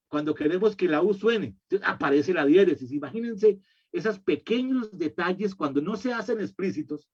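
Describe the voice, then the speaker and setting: A man's voice: on the high side, a little mellow. A literacy educator giving a slide-based lecture, explaining step by step and answering his own rhetorical questions. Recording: dull lo-fi recording.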